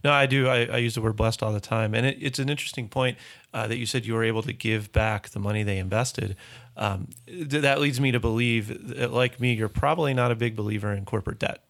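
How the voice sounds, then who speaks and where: A man's voice: mid-range voice, a bit bright. Laughing male interview host. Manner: laughs often, fills pauses with ums. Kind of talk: casual interview talk.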